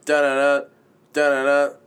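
A man's voice: mid-range voice, completely flat delivery, a little slow, fairly bright tone, smooth. Joking man hosting a casual podcast. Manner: joking, teasing. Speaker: podcast host. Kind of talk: casual chat.

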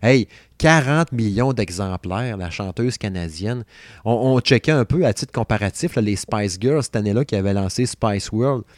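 A Saguenay, Quebec man in his thirties, speaking with a Québécois French accent, co-hosts a relaxed chat podcast. His voice sits on the low side at a moderate pace, captured with clean studio sound and no room tone. He's animated and jokey about old songs, humming fragments of them.

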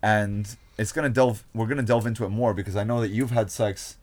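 A man's voice: on the low side, brisk. A young man, co-hosting a podcast in casual, crude chat and telling stories with lots of swearing. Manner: animated storyteller, swears a lot. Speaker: podcast co-host.

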